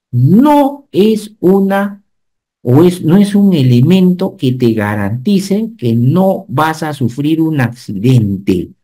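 Animated man in his fifties teaching. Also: a little high. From Peru. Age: 50s. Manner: animated teacher, asks the class checking questions. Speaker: occupational safety instructor. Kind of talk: online lecture.

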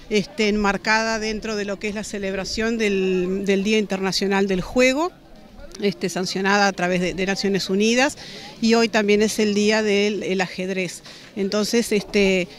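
A woman in her forties with a Uruguayan accent, a school principal answering a news interview outdoors, speaking in a measured way with many "este" fillers. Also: mid-range voice. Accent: Uruguayan Spanish. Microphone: handheld reporter mics held to her face.

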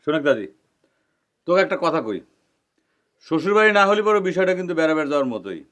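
An actor playing a boastful village strongman in a TV drama, speaking slowly and swaggering in rural dialect. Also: a little high, sing-song, fairly bright tone. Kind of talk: TV drama acting.

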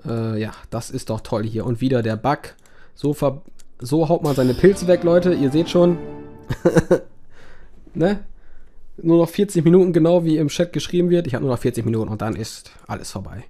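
A man talking through a browser game in let's play style, cursing at it and breaking into sudden loud cries of despair. His voice sounds worn and strained after hours of talking, and quiet game music plays under it. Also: a little high, moderate pace. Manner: swears and groans at the game, dramatic outbursts.

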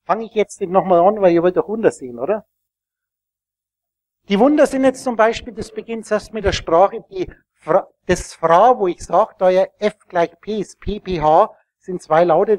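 High-voiced man lecturing a live audience. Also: a little mellow, dry recording. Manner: rambling, explanatory, asks the audience questions. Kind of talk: live teaching talk to an audience.

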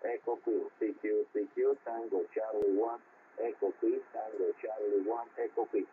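A man's voice: fairly low pitch, steady tone, moderate pace. A man, an amateur radio operator, heard over shortwave radio as he repeats call signs in short clipped bursts. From Turkey. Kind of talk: ham radio calls in the phonetic alphabet. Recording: narrow shortwave radio with faint static.

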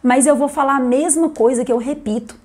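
A woman from Brazil, an English teacher, chatting through a video lesson and slowly repeating English words for emphasis. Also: high-pitched, a little mellow.

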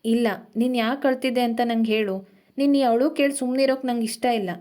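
A woman voicing a tired young man who speaks softly and apologetically to his fiancée in an audio story. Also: a little high, fairly even intonation, fairly quick, close to an everyday voice. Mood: tender. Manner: defensive, then softly apologetic.

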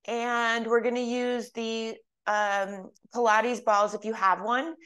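A woman's voice: fairly high pitch, slow pace. Chatty woman in her fifties teaching. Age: 50s. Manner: chatty and laughing, then calm, steady exercise cueing. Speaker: fitness instructor. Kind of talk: live online exercise class.

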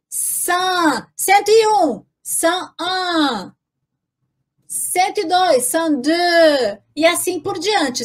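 A woman teacher giving an online lesson, cheerful and checking in with her class often, drawing out each number slowly so the students can repeat it. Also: very high-pitched, fairly bright tone. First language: Portuguese. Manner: slow, drawn-out modeling of numbers. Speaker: French teacher.

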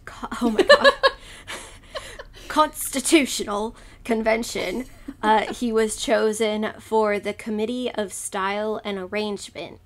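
A woman's voice: medium pitch, expressive, takes it slowly. A woman co-hosting a podcast, talking casually with lots of fillers as she explains history from her notes. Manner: rambling, filler-heavy, breezy. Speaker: podcast co-host. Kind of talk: casual chat.

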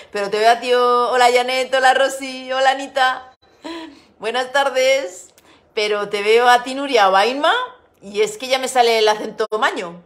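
Hosting a casual craft stream from a home room with a window, a middle-aged Spanish woman speaks on the high side at a moderate pace, pausing often. She laughs, chats and greets viewers by name. Audio comes from a device camera on the desk, and the room echoes.

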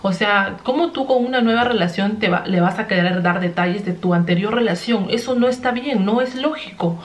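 A woman's voice: mid-range voice, brisk. Earnest young woman telling her story. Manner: earnest, chatty, tags lines with "¿no?". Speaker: vlogger. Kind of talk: personal confessional storytelling.

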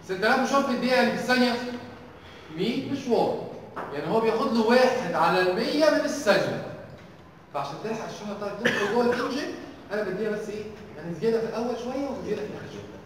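Rapid-fire Egyptian man lecturing in an echoing hall. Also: high voice, expressive, noisy background. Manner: quizzes the class with constant questions. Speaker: engineering teaching assistant. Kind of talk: university tutorial lecture. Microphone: distant room mic. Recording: echoey hall recorded from far off.

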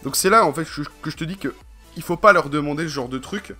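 A man's voice: a little high, fast, bright, forceful tone, breathy edge, faint music behind. A man from France chatting casually to camera in a vlog, rambling and slangy, with many fillers. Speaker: vlogger.

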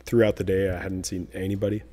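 A young man narrating his canoe fishing trip in a relaxed, plain-spoken voice-over with fillers and pauses. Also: low-pitched. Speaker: fishing vlogger.

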